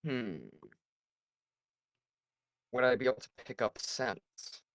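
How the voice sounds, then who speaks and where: A man's voice: medium pitch, steady tone, slow pace, a bit bright, clean tone, no echo. A man playing a tabletop game, joking with dry sarcasm. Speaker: player. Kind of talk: casual tabletop play.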